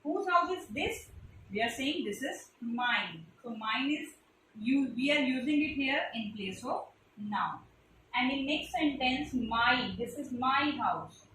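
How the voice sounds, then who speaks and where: A woman's voice: high voice, expressive, takes it slowly, bright, forceful tone, slight background noise. A woman teacher with an Indian English accent, explaining grammar step by step to pupils in a classroom and spelling out letters. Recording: echoey room recorded from a distance.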